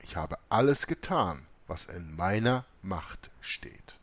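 A man's voice: low voice, lively intonation, slow, slightly rough, pitched below the performer's own voice, full character voice. A man reading aloud voices an older village priest who speaks in a soothing, assured way.

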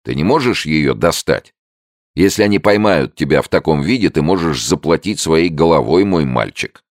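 A man's voice: extremely low pitch, expressive, normal speed, no echo, clean studio sound, pitched above the performer's own voice. A man voicing a blunt, blustering American soldier in an audiobook. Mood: brash. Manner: brash, blustering. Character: rough-talking American soldier, blunt and loud.

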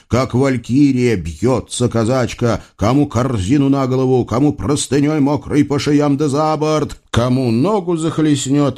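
A man narrating a folk-tale audiobook in a lively, folksy, playful manner. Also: medium pitch. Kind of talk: audiobook storytelling.

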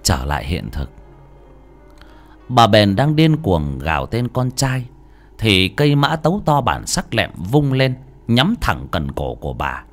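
A man narrating a ghost story as an audiobook, with an expressive, suspenseful delivery. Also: fairly low pitch, measured pace. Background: faint music.

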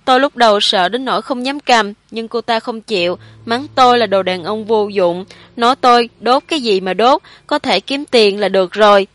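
A woman's voice: fairly high pitch, normal speed, dry recording, lightly acted. Horror audiobook: woman reader doing a cowering middle-aged man, raised and strained, pleading through tears, dry close read. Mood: tearful confession. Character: frightened guilt-ridden middle-aged man confessing.

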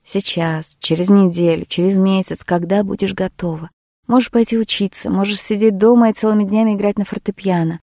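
An earnest young marine pleads tenderly with the woman he loves, voiced by a female audiobook narrator. His lines come out warm and slightly gravelly. The recording is close and dry. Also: medium pitch, steady tone, a little fast, no room sound, close to an everyday voice. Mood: pleading.

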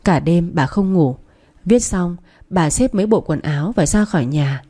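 A woman reads a story aloud in a calm, steady audiobook manner. Her voice is lower than usual and mellow, with a warm tone. The pacing stays even. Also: moderate pace, husky.

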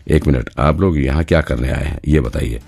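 A man's voice: a bass voice, a little fast, vocal fry, darkish tone, husky, exaggerated voice. A man voicing a protective young wife and mother who speaks in a stern, commanding way in an audiobook. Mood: stern, angry.

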